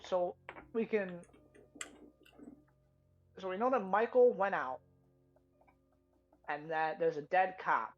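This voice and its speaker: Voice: mid-range voice, animated, slow pace, pauses often, highs cut off. A tabletop role-play player thinking aloud, rambling through theories in character.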